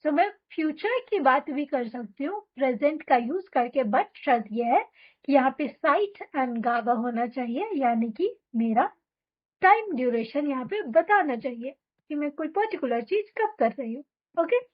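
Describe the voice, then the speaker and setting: High-voiced woman teaching German. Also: lively intonation, highs cut off. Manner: explains quickly, then reads example sentences very slowly for repetition. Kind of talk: spoken language lesson with drills.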